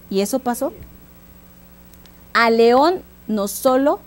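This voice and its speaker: A woman with a Mexican accent telling a children's story, lively, making sound effects and speaking straight to the listeners. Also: mid-range voice. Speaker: storyteller host.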